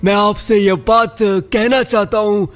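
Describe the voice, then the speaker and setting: A man's voice: high voice, fairly even intonation, a little slow, fairly bright tone, soft background music. A man hosting a mimicry channel, politely addressing viewers directly. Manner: polite, asks viewers to subscribe. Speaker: mimicry artist host.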